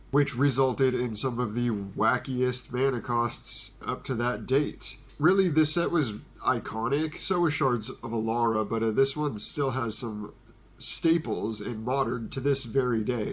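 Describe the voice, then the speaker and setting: A man's voice: mid-range voice, husky. A young man with a stuffy, blocked nose from allergies, casually hosting a card review with playful asides. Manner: playful, jokey asides to an imagined listener. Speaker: Magic card video host.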